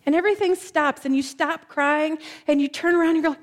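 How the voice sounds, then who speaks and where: High-voiced woman preaching a lively sermon. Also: a little fast. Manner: lively storytelling, acts out quoted lines; conversational, warm asides to the congregation.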